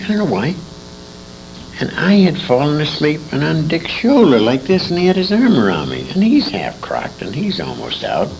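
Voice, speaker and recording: This old-time radio veteran, an older man being interviewed, speaks in a mid-range voice with vocal fry. He rambles emphatically through his memories in a casual, salty, bawdy storytelling style, captured on a noisy amateur recording.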